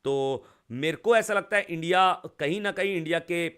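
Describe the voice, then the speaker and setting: A man's voice: on the high side, moderate pace, fairly bright tone, clear, resonant tone. A young man from India talking cricket in a casual, chatty way, often calling the viewer brother. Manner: chatty, keeps saying bhai and bro. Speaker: cricket commentator.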